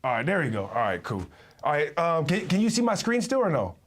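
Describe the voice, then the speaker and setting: Fast-talking man on a video call. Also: a little high. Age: 30s. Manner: fast, animated, lots of restarts and slang. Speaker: host. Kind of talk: casual online chat.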